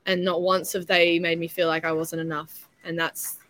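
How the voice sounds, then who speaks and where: A woman's voice: fairly low pitch, little pitch movement, normal speed, a bit bright. A young woman chatting casually as an interview guest, talkative and self-deprecating. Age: young adult. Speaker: interview guest, beauty pageant contestant.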